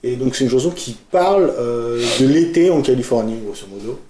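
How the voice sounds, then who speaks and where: A man co-hosting a casual music podcast, talking about a song he loves with frequent hesitations and clear enthusiasm. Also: mid-range voice, animated, brisk, a crowd in the background. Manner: hesitant, many fillers, enthusiastic. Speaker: podcast co-host presenting a song. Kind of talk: casual chat. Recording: echoey room.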